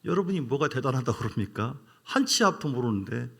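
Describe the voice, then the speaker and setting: A middle-aged male pastor delivers a sermon in a gravelly voice at a middling pitch. He preaches in a lively, playful way, often leaping up in pitch for emphasis. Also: brisk.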